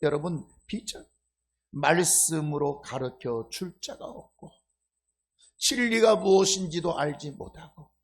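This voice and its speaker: A male pastor preaching a sermon, dropping to quiet asides and then rising into loud, impassioned preaching, often asking the congregation for an amen. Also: a little high, a little slow, breathy edge. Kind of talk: sermon with congregation call-and-response.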